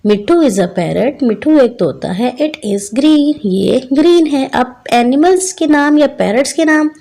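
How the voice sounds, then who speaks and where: A woman teacher explaining a children's English textbook, reading each line slowly and then explaining it to young pupils. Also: sits high, lively intonation, gravelly, mellow. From Pakistan. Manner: addresses children as beta and bachchon.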